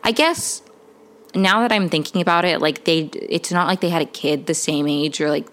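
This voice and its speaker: Low-voiced chatty woman recapping a show. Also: a bit bright. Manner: chatty, lots of "like" and "um", quick laughs. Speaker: TV recap vlogger. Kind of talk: casual episode recap.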